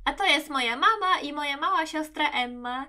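A woman voicing a friendly, chatty toy girl showing a newcomer around. Her voice is high and bright. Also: moderate pace. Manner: chatty, explaining.

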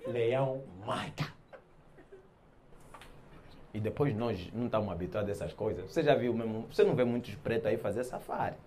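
A man doing stand-up comedy, animated and laughing often with loud exclamations. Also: medium pitch, fairly quick, pauses often, slight background noise.

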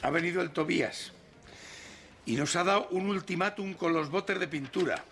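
A man's voice: a little high, moderate pace, fairly bright tone, a little hiss or hum. A man with a Spanish accent playing a dry, mocking friend in a sitcom. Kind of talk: sitcom acting.

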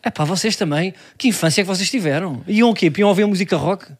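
A man's voice: high-pitched, husky. A man with a European Portuguese accent, co-hosting a comedy podcast, jumping in with teasing jabs. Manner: teasing, quick jabbing interjections. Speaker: podcast co-host.

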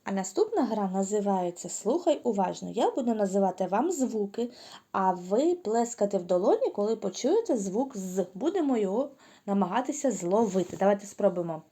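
A woman's voice: medium pitch, very animated, brisk, dark tone. A woman teaching a lesson to small children, speaking patiently and drawing out sounds in sing-song drills. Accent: Ukrainian. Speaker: preschool teacher.

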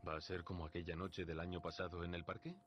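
A man's voice: deep voice, level tone, fast, lo-fi sound, music in the background. A man playing an earnest, easygoing young husband and father in a video game drama. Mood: affectionate, playful.

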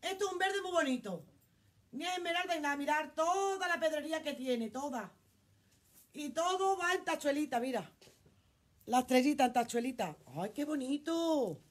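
A woman's voice: high-pitched, lively intonation, moderate pace. A middle-aged woman with a Spanish accent, selling clothes on a casual live stream from her shop. She chats in an exclamatory way, reads out viewer comments and swears casually. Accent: Spanish from Spain.

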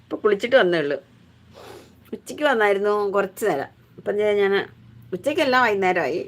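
A woman's voice: medium pitch, sing-song, a little fast. Chatty woman doing a live stream. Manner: chatty, affectionate, greets viewers by name. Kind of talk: casual live-stream chat with viewers.

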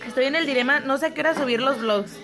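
A woman's voice: high voice, quick pace, music in the background. A young woman, chatting casually to her viewers in a home kitchen vlog. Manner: chatty, talks to viewers as friends. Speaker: vlogger.

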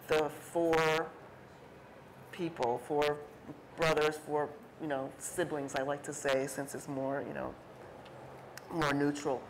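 Her voice sits low as this middle-aged artist, seated on a panel at an indoor art fair, chats with the audience about her photography. She keeps restarting and filling pauses, voicing quoted remarks in character. The recording is low quality, with a little hiss or hum.

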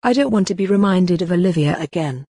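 A synthetic female voice playing an indignant, easily outraged pupil in an animated video. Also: lowish voice, quick pace, husky, dry recording, clean studio sound. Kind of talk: animated school video dialogue.

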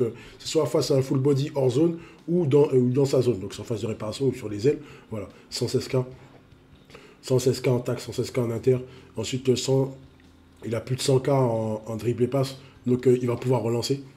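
A man's voice: medium pitch, brisk, mellow. A man with a cold, sniffling as he reviews a mobile game card in a casual, repetitive way, full of fillers. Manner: repeats himself, full of fillers.

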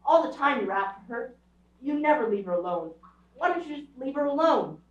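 A performer voices a proud, defiant young boy in a stage radio drama, blunt and insistent, with a high-pitched, animated, brisk delivery. It was captured by an audience camera in a small theatre, so the sound is dull, echoey, and distant.

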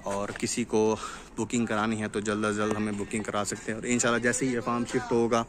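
A man's voice: on the low side, fast. A young man from Pakistan walking viewers through his farm construction site in a casual vlog, filmed outdoors on a phone. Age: young adult. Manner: explanatory, steady talk to viewers. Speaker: cattle farm vlogger. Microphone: phone camera, selfie framing. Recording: outdoor noise from tractors and wind.

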